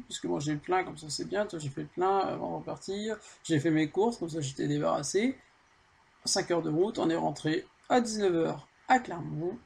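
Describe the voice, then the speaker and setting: Man with a cold, gravelly, husky, casual cycling vlog, dull lo-fi outdoor sound. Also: high voice, darkish tone. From Auvergne, France. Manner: blunt, swears casually, talks in loose repeated phrases. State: heavy cold. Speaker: cycling vlogger.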